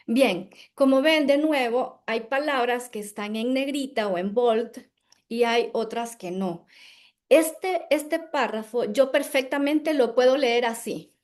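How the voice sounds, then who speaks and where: A woman instructing a workshop on pronunciation and voice, emphatic, demonstrating words slowly and carefully. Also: a little high. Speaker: diction and voice instructor.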